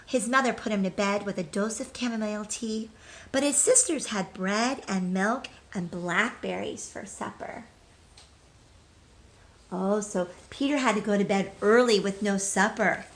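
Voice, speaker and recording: This is a woman teacher's unhurried, mid-range voice as she reads a storybook aloud to children. Her delivery is expressive and aimed directly at them, with key words emphasized and questions put to the young listeners.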